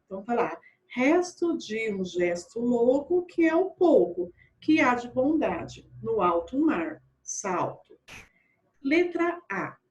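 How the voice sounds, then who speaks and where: Woman, primary teacher, slightly high voice, patient, repeats words slowly, checks in with kids. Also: darkish tone. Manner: checks in with pupils often. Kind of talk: recorded online grammar lesson.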